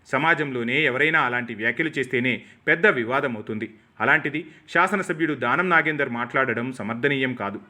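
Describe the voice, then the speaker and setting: A man reading scripted political news commentary in short, formal, measured sentences. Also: medium pitch, bright, forceful tone. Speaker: news narrator.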